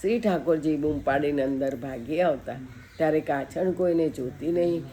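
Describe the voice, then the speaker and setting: A middle-aged woman reading a devotional story aloud in a steady, plain voice, lightly voicing the characters. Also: deep voice, normal speed, slight background noise.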